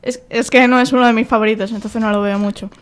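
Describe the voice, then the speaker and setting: Woman radio guest, fairly high voice, explains things, a few slips. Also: steady tone, fast talker. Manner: explanatory, stumbles over words. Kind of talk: casual radio chat. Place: radio studio.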